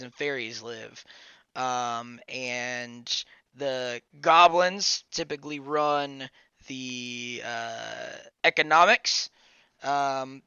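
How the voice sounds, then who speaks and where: A man narrates as game master, speaking slowly with a bright, clear voice. He stops for ums and uhs, and the audio is dry and dull, like a lo-fi call. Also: medium pitch, no echo. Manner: halting, full of ums and uhs.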